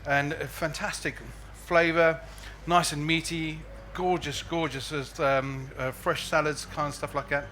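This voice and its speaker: South African male chef, whistling s, highish bright voice, informal live demo patter over clear background noise. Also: little pitch movement, unhurried, few pauses. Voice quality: whistling s from a false tooth. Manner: informal, chatty with the audience. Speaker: chef giving a cooking demonstration. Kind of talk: live cookery demonstration with casual chat.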